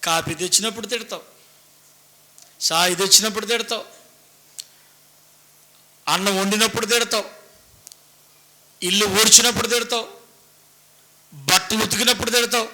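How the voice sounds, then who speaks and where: A male preacher with a lilt delivers a sermon in a high, cutting, very bright voice. He hammers his points with repeated phrases. Then he drops into hushed asides before rising again. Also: fairly even intonation, normal speed, pauses often. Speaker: pastor.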